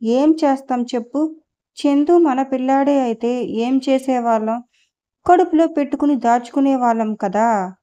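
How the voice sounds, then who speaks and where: A woman's voice: sits high, measured pace, dark tone. Audio novel: woman playing a weary, stern middle-aged husband, curt delivery, lo-fi.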